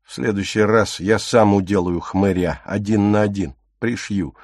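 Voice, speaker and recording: A man reading an audiobook, voicing a hot-headed, bitter teenage boy in loud angry tirades. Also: lowish voice, moderate pace, dry recording, clean studio sound, lightly acted. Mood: defiant.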